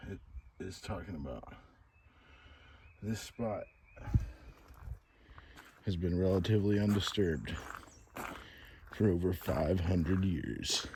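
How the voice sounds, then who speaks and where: A man's voice: sits low, expressive, takes it slowly, long pauses. A man rambling casually and cursing freely while he films a hike up a wooded hill trail. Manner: loose, profane, chatty. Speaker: vlogger. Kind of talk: casual rambling hiking vlog. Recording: clear outdoor background noise.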